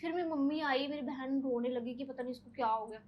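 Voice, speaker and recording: A young woman, a podcast guest, telling personal stories in a casual, animated way, often using filler words. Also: high voice, fast talker, dull audio, slight background noise. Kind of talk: casual storytelling.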